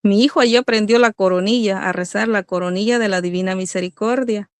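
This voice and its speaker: A woman's voice: medium pitch, fairly even intonation, fairly quick, clear, resonant tone, no echo. A middle-aged woman giving an earnest religious testimony as a mother, speaking to her listeners as brothers.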